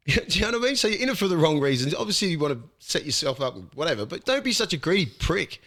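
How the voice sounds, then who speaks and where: An Australian man with a slightly higher speaking voice talks sport in a casual podcast chat. He is blunt and heated and swears freely as he vents. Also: sing-song, fast talker, fairly bright tone. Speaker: podcast host.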